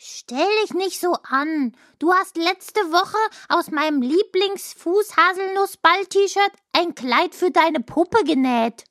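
A woman's voice: very high-pitched, expressive, slow pace, hardly any pauses, fairly bright tone, no room sound, clean studio sound, exaggerated voice. A woman voicing a young, stubborn woodworm boy in a children's audio drama, sulky and defiant.

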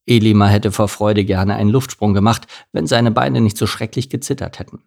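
Gravelly-voiced man reading a storybook. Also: on the low side, steady tone, a little fast, darkish tone. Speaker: narrator.

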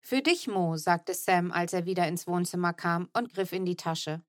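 A woman narrating a children's audiobook in an expressive, lively storytelling manner. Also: lowish voice, moderate pace, dry recording, studio quality.

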